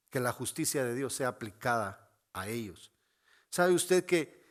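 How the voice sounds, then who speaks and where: A man preaching a sermon in an earnest, emphatic way, repeating phrases and restarting words as he explains. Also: medium pitch. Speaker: pastor.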